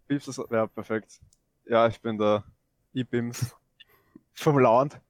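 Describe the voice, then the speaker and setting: A man's voice: medium pitch, fairly even intonation, slow, no room sound. A young man guesting on a casual podcast, laid-back and hesitant in his answers. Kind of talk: casual chat among friends.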